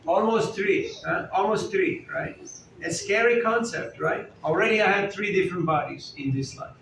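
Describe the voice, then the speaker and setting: He speaks at a moderate pace in a high, creaky, fairly bright voice. This spiritual teacher's festival talk is an informal sermon peppered with questions and jokes for the audience, held in an echoey indoor hall and picked up by a distant mic with faint noise.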